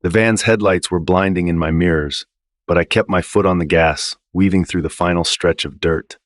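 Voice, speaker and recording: A man reading a first-person horror story in a low, tense storytelling manner. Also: fairly even intonation, moderate pace, no room sound, clean studio sound. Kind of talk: scripted first-person narration.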